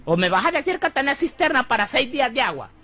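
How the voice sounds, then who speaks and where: A young Salvadoran woman runs a comic radio monologue with a teasing, sassy bite. Her voice is bright and very lively, and it bounces up and down as she mocks and sweet-talks the listener. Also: high-pitched, fast talker, soft background music. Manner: sassy, teasing, calls listener amor and bebé. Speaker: radio comedy host.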